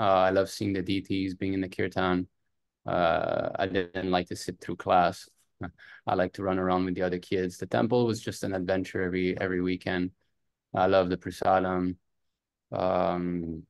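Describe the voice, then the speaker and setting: Deep and creaky, the voice belongs to a Canadian podcast guest in his thirties from Montreal. A native French speaker, he talks through his personal story in an interview.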